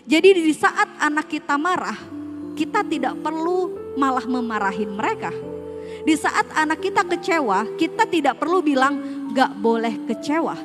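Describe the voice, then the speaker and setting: High-voiced woman giving a parenting talk. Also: animated, moderate pace, music in the background. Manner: addresses parents directly with rhetorical questions; conversational, mixes casual slang. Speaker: school staff speaking to parents. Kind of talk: parenting seminar talk with slides.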